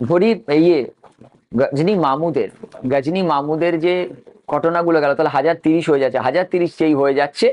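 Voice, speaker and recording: A man's voice: a little high, darkish tone. A male history teacher giving an exam-prep lecture, dictating names letter by letter and asking and answering his own questions.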